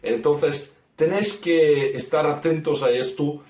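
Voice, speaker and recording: A man with a Brazilian Portuguese accent, a native Portuguese speaker, slowly teaching vowel sounds and repeating example words. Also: a little high, darkish tone, roomy sound, recorded from a distance. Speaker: guest teacher. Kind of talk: language lesson.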